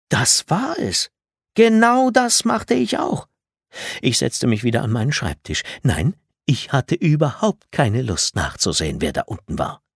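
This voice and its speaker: A man reading a children's audiobook aloud in an expressive storytelling manner, recorded close on a studio mic. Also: low voice, vocal fry, breathy edge, no echo. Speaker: audiobook narrator.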